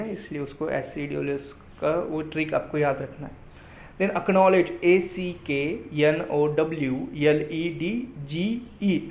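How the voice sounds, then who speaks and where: Higher-voiced man teaching vocabulary. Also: vocal fry. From India. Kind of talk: exam-prep vocabulary lesson.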